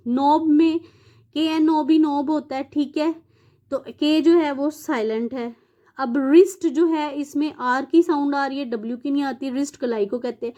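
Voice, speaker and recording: A woman from Pakistan with a Pakistani accent, working through a textbook exercise as a teacher. She explains English words in Urdu and often pauses with fillers. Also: high voice, fairly even intonation, mellow, highs cut off. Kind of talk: exercise walkthrough lesson.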